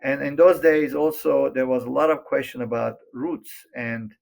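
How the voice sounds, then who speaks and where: Casting: older Lebanese-raised man, gravelly, hesitant storyteller, interview guest. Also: mid-range voice, steady tone, normal speed, a little mellow. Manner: hesitant, with many restarts. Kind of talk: reflective storytelling.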